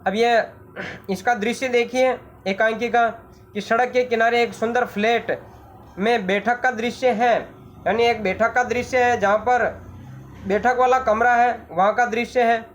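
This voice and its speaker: A Hindi teacher explaining a school play, going slowly and repeating each point, pausing to give the meanings of words. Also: mid-range voice, fairly even intonation, a little hiss or hum. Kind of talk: classroom lesson explanation.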